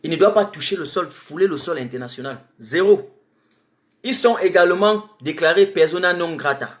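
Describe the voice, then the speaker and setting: A woman's voice: on the low side, expressive, a little fast. A woman from Cameroon, giving impassioned, defiant political commentary on a livestream and repeating phrases for emphasis. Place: home in Germany. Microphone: webcam or phone mic on a livestream.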